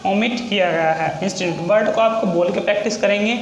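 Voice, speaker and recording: High-voiced man teaching in an echoey room. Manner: repetitive, spells words out slowly for learners. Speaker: shorthand teacher. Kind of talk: classroom lesson. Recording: echoey room with faint noise.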